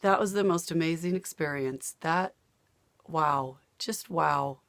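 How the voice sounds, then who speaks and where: This cross-stitch vlogger, an older American woman at home, is losing her voice after days of talking, yet she still rambles cheerfully to camera and laughs readily. Her low-pitched voice is a bit bright and slow-paced, with no echo.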